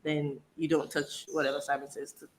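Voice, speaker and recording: A woman's voice: sits low, little pitch movement, a little fast, slight background noise, poor audio. A woman teaches in a casual interactive lesson, encouraging and guiding step by step. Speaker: language teacher.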